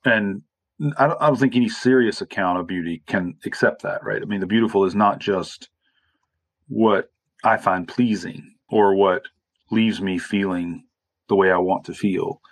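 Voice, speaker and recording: Gravelly low-voiced man, thoughtful guest. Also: steady tone, moderate pace, no echo. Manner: thoughtful, qualifying with frequent "right?". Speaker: author and theologian guest. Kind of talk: reflective interview conversation.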